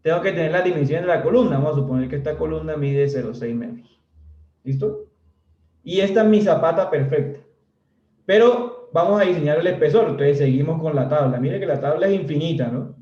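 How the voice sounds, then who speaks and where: A man lectures casually on engineering and keeps checking in with his students. His voice is fairly high but mellow. He sounds a little distant from the mic in an echoey room, and the recording is dull. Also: brisk. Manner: chatty, constantly checks understanding with "¿sí?", jokes with students. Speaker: civil engineering instructor. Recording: dull, roomy audio from off mic.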